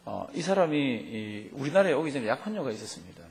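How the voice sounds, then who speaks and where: A male pastor preaching a sermon, telling stories with lively acted-out dialogue. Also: medium pitch, fast. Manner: lively storytelling, acts out dialogue in quotes.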